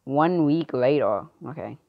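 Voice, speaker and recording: A woman performing an amateur skit, reading the lines in a halting, unpolished way. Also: very deep voice, animated, gravelly, lo-fi sound. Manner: unpolished, halting line delivery. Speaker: skit performer voicing both parts.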